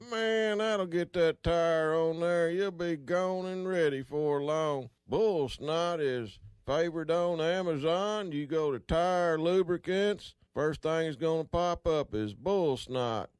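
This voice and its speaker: Animated drawling Southern man pitching products. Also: smooth. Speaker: host of local advertising spots. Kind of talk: folksy comic ad pitch. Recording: faint background noise.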